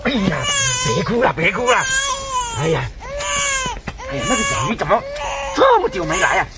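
A man acting a clumsy, nervous baby snatcher in a rural comedy skit, stammering and hushing a crying baby. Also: extremely high pitch, huge pitch swings, normal speed, heavily acted. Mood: flustered. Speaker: skit actor. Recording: distant mic, loud outdoor noise.

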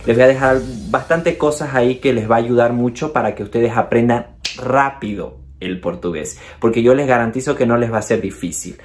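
A Bolivian man with a Bolivian Spanish accent talks casually to the camera, cheering his viewers on as he shares language tips. His mid-range voice moves fairly quickly, and he speaks to the audience directly, chatty and encouraging, often dropping in "entonces."

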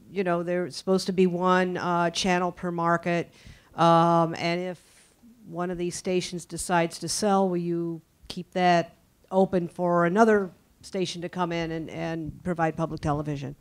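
A woman reporter asking an audience question, hesitant with fillers. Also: on the low side.

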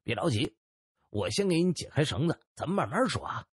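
A man voicing a jovial, leering man who talks softly and coaxingly. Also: fairly high pitch, sing-song, fairly quick, breathy edge, no room sound, studio quality, pitched above the performer's own voice, exaggerated voice.

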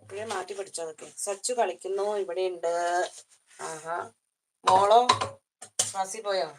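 A woman's voice: mid-range voice, fairly even intonation, normal speed, heavy background noise. A woman hosting a casual live stream from her kitchen, chatting and greeting viewers by name as she reads their comments. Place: home kitchen.

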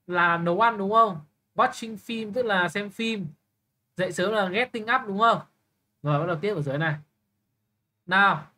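Young male tutor, bright voice, brisk, blunt teasing, always asking "got it?". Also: sits high. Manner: brisk, keeps checking understanding with quick questions; blunt, teasing address to a student. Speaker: English tutor. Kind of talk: live tutoring lesson.

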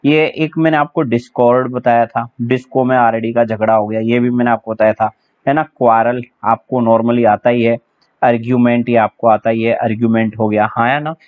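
A man's voice: medium pitch, flat delivery, normal speed. A man teaching English vocabulary for exams in a chatty, joking way, spelling words out letter by letter. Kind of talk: exam-prep English vocabulary lesson. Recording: slightly dull lo-fi audio.

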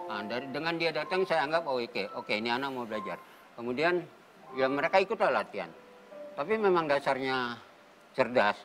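An older man, a theater group founder and talk show guest, telling the story in a measured, earnest way and stopping to search for words. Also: mid-range voice, lively intonation, a bit bright, slight background noise, poor audio.

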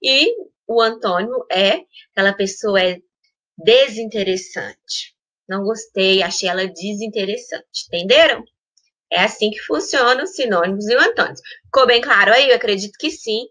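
Bright-voiced woman teacher, Brazilian accent. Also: a little high, animated. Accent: Brazilian Portuguese. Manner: slow, drawn-out spelling of words with frequent check-ins. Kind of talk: recorded school lesson.

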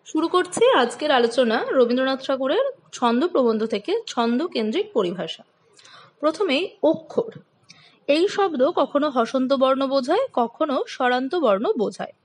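High-voiced woman teaching a lesson. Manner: clear, explanatory, addresses students directly. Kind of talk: exam-prep lecture.

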